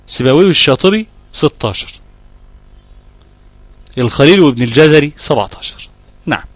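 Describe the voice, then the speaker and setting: A man's voice: mid-range voice, dry recording. A middle-aged man with an Egyptian accent teaching tajweed, explaining patiently, demonstrating sounds and checking that his students follow. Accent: Egyptian Arabic. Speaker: Quran recitation teacher. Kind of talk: tajweed lesson.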